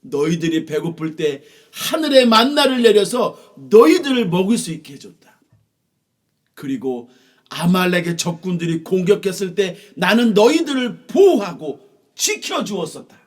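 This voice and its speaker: A man voicing a stern, booming God who scolds his people, speaking slowly and loudly. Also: sing-song. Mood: stern, reproachful. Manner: slow, loud, proclaiming.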